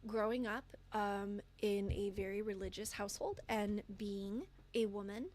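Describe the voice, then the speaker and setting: A woman's voice: mid-range voice, fairly even intonation, unhurried, a little mellow, a little hiss or hum. A woman livestreamer giving candid, earnest advice to her live chat, with many ums.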